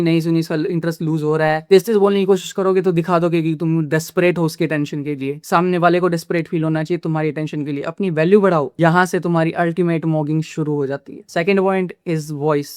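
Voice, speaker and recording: Speaking straight to camera in a casual instructional way, a man who makes communication-skills videos lectures the viewer and slips English phrases into his talk. His voice is on the high side, darkish and clean, recorded dry at studio quality.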